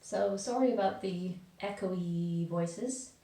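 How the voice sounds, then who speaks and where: A woman talks casually to her viewers at a slow, easy pace, with conversational asides. Her voice sits at a medium pitch and bounces off the hard walls of a bathroom. The microphone is a little way off, so the sound is roomy and echoey. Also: mellow. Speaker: vlogger. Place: small indoor bathroom. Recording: echoey bathroom, distant mic.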